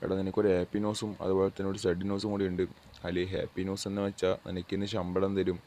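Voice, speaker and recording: A man voicing a low, flat-voiced company boss. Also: slight background noise. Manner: brisk and matter-of-fact. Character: male company boss, blunt and businesslike. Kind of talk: amateur Malayalam dub of a game short film.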